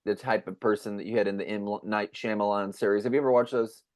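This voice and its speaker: A man's voice: lowish voice, steady tone, quick pace, darkish tone. A man hosting a podcast, chatting casually and rambling with eager restarts. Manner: rambling, restarts, enthusiastic fan talk. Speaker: podcast host. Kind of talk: casual chat.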